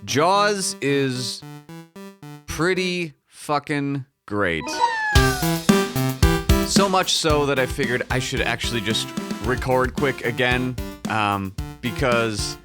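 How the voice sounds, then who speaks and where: A man's voice: mid-range voice, expressive, slow pace, long pauses, over music. A man with a slightly froggy morning voice hosting a podcast alone, talking casually in a rambling, emphatic, self-correcting and sweary way. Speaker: podcast host. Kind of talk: casual solo podcast talk.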